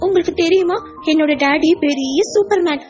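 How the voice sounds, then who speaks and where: A woman's voice: very high voice, moderate pace, darkish tone, faint music behind. A woman voicing a stubborn, hurt little girl in an insistent, childlike way for an audiobook. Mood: earnest. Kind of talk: audiobook character voice.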